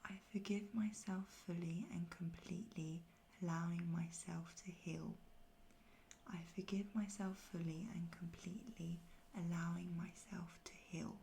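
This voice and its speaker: A woman giving a whispered pep talk of ASMR affirmations in a soft, breathy near-whisper, slowly repeating phrases with pauses. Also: lowish voice, steady tone, slight background noise.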